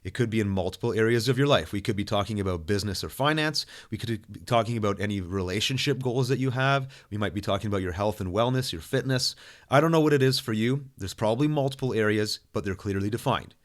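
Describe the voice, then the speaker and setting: A man's voice: fairly low pitch, quick pace. A man speaking as a self-improvement coach, addressing the listener directly in an earnest, motivational way, with occasional fillers and restarts. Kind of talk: coaching program talk.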